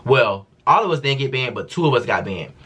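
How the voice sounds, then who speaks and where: A man's voice: medium pitch, animated, a little fast, a bit bright, husky. A young man, telling a storytime vlog in a casual, profane, slangy way. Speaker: vlogger.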